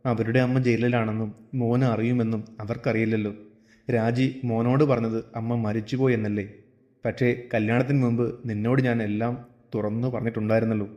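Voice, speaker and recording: A man voicing a calm, detached elderly father in a storybook reading, speaking evenly and without fuss. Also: mid-range voice, a little fast, lo-fi sound, close to an everyday voice.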